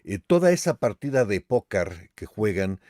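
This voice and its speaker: A man's voice: lowish voice, very animated, normal speed, dark tone, no room sound, clean studio sound. A man hosting a casual interview, giving short, supportive replies and talking with enthusiasm. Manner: supportive, brief affirmations, enthusiastic. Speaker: interview host.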